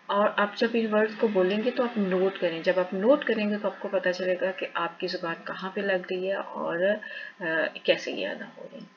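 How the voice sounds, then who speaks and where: A woman's voice: medium pitch, highs cut off, background noise. A woman teaching a recitation lesson, explaining where each letter is formed and patiently repeating the sounds aloud several times.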